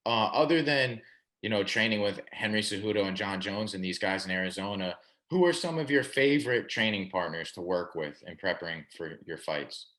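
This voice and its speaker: A man hosting an interview show, asking questions and affirming answers with quick agreement. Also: lowish voice, lively intonation, a bit bright. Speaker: podcast host. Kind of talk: casual interview.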